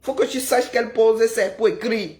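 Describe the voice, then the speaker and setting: A woman's voice: on the high side, moderate pace, darkish tone. A middle-aged woman, chatting casually on a live stream and answering viewers in a teasing, sarcastic way, often tagging her sentences with "hein?". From Kribi, Cameroon.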